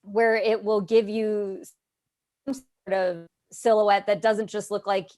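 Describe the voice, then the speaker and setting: A woman on a recap panel, giving measured, analytical critique. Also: mid-range voice, flat delivery, darkish tone. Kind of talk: casual recap chat.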